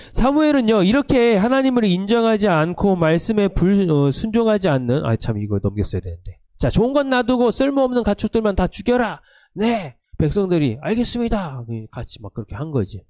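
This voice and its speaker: Animated man preaching to teens. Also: fairly high pitch, no echo, studio quality. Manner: animated storytelling, acting out quoted lines. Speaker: youth pastor. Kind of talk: sermon to teenagers. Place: church, online service.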